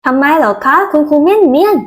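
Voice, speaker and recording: A woman's voice: sits high, expressive, quick pace. Woman doing a sweet eager little girl. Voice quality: childlike, polite.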